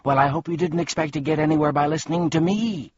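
Guy doing a high pitched little furry storybook demon, dramatic, posing as a scary monster, kinda husky. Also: measured pace, lo-fi sound. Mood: gleeful boasting. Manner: gleeful, boastful, dramatic. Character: small furry insincere demon posing as boastful frightening monster. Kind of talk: storybook character voice.

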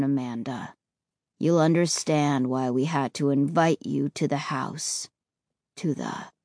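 A woman reading aloud voices a dead boy ghost, speaking in a low, flat, hushed tone. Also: no echo, studio quality.

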